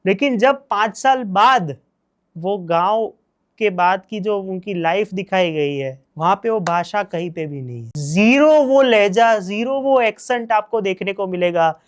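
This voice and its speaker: A man's voice: high-pitched, measured pace. A man with a Gujarati accent talking through a series review in a casual, enthusiastic way, repeating praise and mixing in English phrases.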